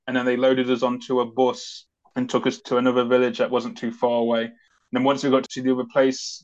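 A man, a former soldier, recounting events as an interview guest in a loose, conversational way with many fillers. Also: medium pitch. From Britain. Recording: dull lo-fi audio.

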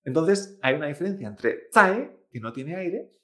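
A man's voice: fairly high pitch, lively intonation, normal speed. A man teaching Chinese pronunciation in an online lesson, patiently demonstrating sounds and checking in with his learners.

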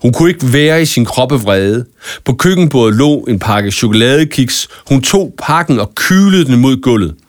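A man narrating a children's story in an expressive scripted reading, close to a studio mic. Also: medium pitch, no room sound. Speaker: audiobook narrator. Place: studio booth.

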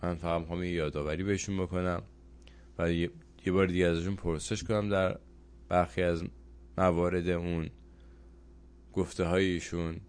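A man with a very low voice speaks straight to his viewers in a political commentary monologue. He presses them with pointed rhetorical questions in an earnest, measured way, pausing between phrases. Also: clean tone. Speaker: host of a commentary program.

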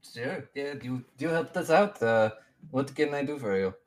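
Very deep-voiced woman running a tabletop game. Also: a little hiss or hum. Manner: relaxed, laughs easily, halting restarts. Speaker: game master.

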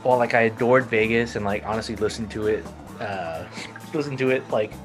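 A man's voice: fairly low pitch, a little fast, faint music behind. Rambling man with a Texan accent. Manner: rambling, many fillers and restarts. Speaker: podcast co-host. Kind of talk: casual chat.

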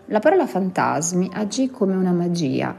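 A woman reading a classic short story aloud, measured and expressive. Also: lowish voice, gravelly, breathy edge, faint music behind. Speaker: reader. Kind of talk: literary audiobook reading.

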